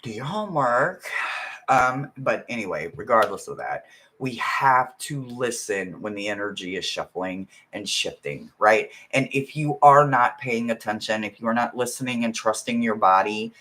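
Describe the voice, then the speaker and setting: A man, a spiritual card reader, talking casually to his viewers in a rambling way, often adding "right?" and swinging from soft murmurs to loud bursts. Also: mid-range voice. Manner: rambling, keeps asking "right?". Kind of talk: casual spiritual livestream talk.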